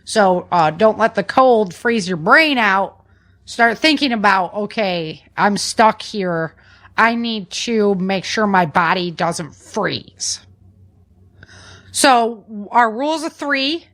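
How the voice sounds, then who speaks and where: Slow and a bit bright, a mid-pitched woman podcast host delivers practical survival advice with lively intonation. She's conversational and informal, instructing from notes and often looking for agreement.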